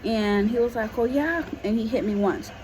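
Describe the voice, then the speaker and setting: A vlogger from Liberia tells a personal story in a casual, frank, slangy way, with lots of fillers. Her voice is medium-pitched with fairly even intonation and a normal pace. The recording sounds dull and lo-fi, with faint noise.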